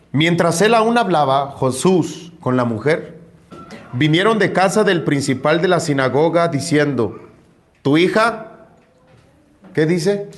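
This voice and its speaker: Pastor telling an animated sermon story. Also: male voice, on the high side. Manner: animated storytelling with sound effects.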